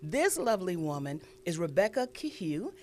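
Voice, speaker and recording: A woman's voice: fairly low pitch, very animated, moderate pace, darkish tone, slight background noise. A woman from the American South hosting a local TV interview, encouraging her guest to talk. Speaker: TV host.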